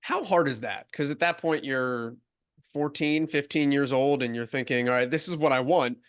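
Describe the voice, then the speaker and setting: Smooth-voiced male podcast host. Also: mid-range voice, moderate pace. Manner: conversational, with fillers. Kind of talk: interview questions.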